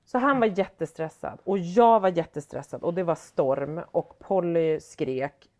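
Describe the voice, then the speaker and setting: A woman in her thirties, a podcast co-host in casual chat, telling stories in an animated way and swearing casually. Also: lowish voice.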